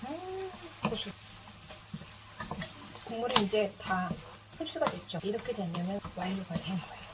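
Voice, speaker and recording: A woman's voice: mid-range voice, a little fast. A woman casually talking through her home cooking as she works, with an easygoing, explaining manner. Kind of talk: casual cooking narration while cooking. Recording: noisy kitchen with chopping and clicks.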